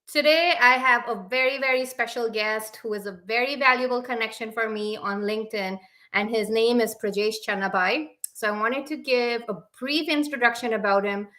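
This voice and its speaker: A young woman hosts a live interview over a video call, her voice bright and a little high. She is friendly and leans on repeated words for emphasis as she welcomes her guest and asks him questions. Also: moderate pace. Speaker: podcast host.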